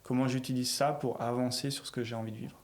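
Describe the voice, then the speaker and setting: A middle-aged French man, a coach, talking in a podcast interview in a reflective, animated way, piling up short phrases. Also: medium pitch, fast talker. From France. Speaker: guest, coach for entrepreneurs.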